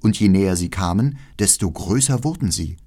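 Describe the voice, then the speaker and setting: Expressive low-voiced man reading a fairy tale. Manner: measured, expressive storytelling. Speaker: narrator.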